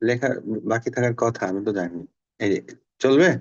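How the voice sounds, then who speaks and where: A male language teacher in an online class, with a mid-pitched voice. He speaks patiently and says words slowly and more than once so the students can follow. The audio is slightly dull and lo-fi. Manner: patient, repeats words slowly to drill pronunciation. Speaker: Bangla teacher.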